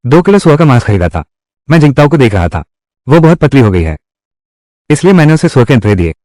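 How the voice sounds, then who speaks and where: Lively man reading a dubbed drama. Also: mid-range voice, fast talker, no room sound, studio quality. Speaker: voice-over reader of a dubbed drama. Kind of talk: reading every character's lines in one voice.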